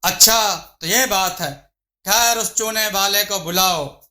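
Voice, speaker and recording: A man's voice: high voice, takes it slowly, bright, forceful tone, exaggerated voice. A man voicing a foolish, bossy king who gives commands, in an echoey room. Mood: interrogating.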